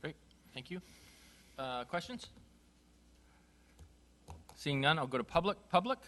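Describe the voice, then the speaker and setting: A man chairs a council committee meeting, calling motions and votes in a brisk, procedural way. His voice is bright and animated, and a faint room noise sits behind him in the council chamber. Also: on the high side. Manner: brisk, procedural, chuckles between items.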